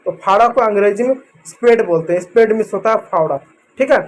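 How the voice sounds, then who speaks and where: A man's voice: sits high, fast talker. A man teaching English words in a chatty, repetitive way, checking in with the listener again and again. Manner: repeats words, keeps saying "theek hai" and "dekho doston". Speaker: English teacher on a kids' channel. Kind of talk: informal Hindi vocabulary lesson.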